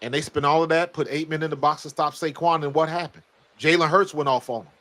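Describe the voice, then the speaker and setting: An American man with a hoarse, worn-out voice talks sports casually as a guest analyst, emphatic and blunt. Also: on the high side, steady tone, fast, a bit bright. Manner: emphatic, blunt, repeats words. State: hoarse, very little voice left. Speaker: guest football analyst, former pro player.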